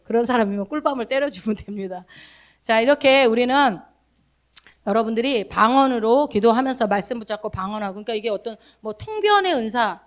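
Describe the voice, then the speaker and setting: A middle-aged woman pastor with a high voice delivers a sermon. She preaches in an animated way, asks the congregation rhetorical questions, and slips into quoted voices.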